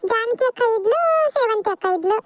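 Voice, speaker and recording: A timid village boy in a cartoon, wary and quick to fear a beating, voiced by a woman. His voice is very high. The recording is dry and close. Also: no echo. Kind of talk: cartoon voice acting.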